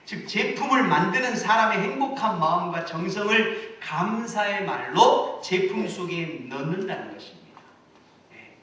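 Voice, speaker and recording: Korean pastor type, man, slightly high voice, earnest preaching, picked up from afar in a very echoey sanctuary. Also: fairly bright tone. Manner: earnest preaching, rising to emphatic exhortations. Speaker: senior pastor. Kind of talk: sermon. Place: church sanctuary. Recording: echoey church hall, mic at a distance.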